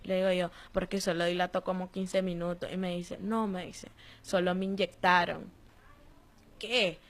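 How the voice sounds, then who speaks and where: A young woman with a Nicaraguan accent giving a personal testimony in an interview, telling her story in a lively way and acting out the voices of the people she quotes. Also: lowish voice, moderate pace. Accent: Nicaraguan Spanish. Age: young adult. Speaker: interviewee, former detainee.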